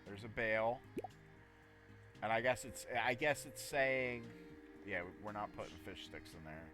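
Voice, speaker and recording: A man's voice: fairly low pitch, unhurried, pushed and bright, faint music behind. A man giving casual, rambling live commentary as he plays a game, often talking to himself. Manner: rambling, talks to himself while playing. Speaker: gaming streamer.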